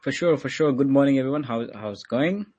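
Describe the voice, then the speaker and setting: A man from Pakistan, guesting in an online interview, explains his company patiently in a brisk, dark, medium-pitched voice with plenty of fillers. The audio is lo-fi, carrying a little hiss or hum.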